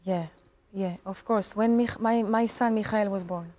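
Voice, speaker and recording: A woman in her forties, a guest in an interview, talking earnestly in halting English and laughing often. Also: mid-range voice, fairly even intonation, darkish tone. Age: 40s. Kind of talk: casual interview chat.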